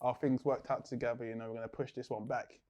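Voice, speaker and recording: A man's voice: medium pitch, flat delivery, quick pace, a little mellow. A man hosting a casual interview, easygoing and eager to join in the chat. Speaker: host.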